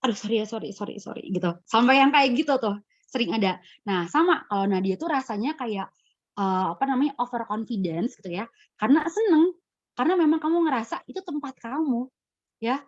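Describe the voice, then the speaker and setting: A woman giving public speaking advice in a webinar Q&A, lively and playfully acting out example voices. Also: fairly high pitch, a little fast, no room sound, lo-fi sound. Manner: lively, acts out quotes with expressive voices.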